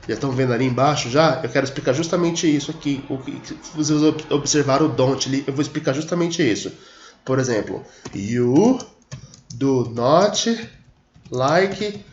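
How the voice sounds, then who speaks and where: A man teaching an English grammar lesson, explaining patiently, stretching his example sentences and checking in with his students. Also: on the high side. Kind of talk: screen-recorded grammar lesson. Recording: echoey room, dull lo-fi audio.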